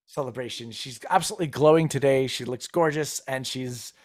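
A man's voice: mid-range voice, brisk. A man co-hosting a casual fan podcast, chatting animatedly with hesitant fillers. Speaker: podcast co-host. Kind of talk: casual chat.

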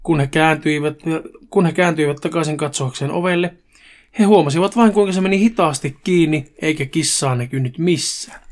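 Man reading a crude comic horror story. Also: fairly high pitch. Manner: brisk storytelling with casual swearing. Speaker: podcast host.

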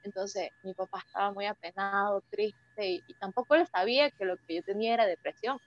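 A young woman giving an emotional personal testimony as an interview guest, halting with many restarts. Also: mid-range voice, soft background music. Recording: dull lo-fi dry sound.

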